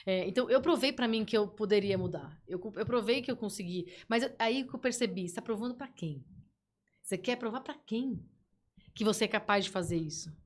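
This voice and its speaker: A woman, a guest telling stories in a playful, animated way. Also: mid-range voice, a little fast. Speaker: podcast guest. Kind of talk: casual interview chat.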